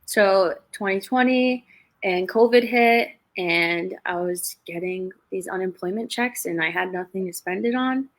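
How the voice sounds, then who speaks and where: A young woman in her twenties talks through her stories as an interview guest. Her voice sits at a middle pitch, and she keeps a chatty, easygoing flow. The talk is casual and unscripted. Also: measured pace. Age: 20s. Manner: chatty storyteller, laughs between stories. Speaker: guest, real estate investor. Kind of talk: casual interview over a livestream.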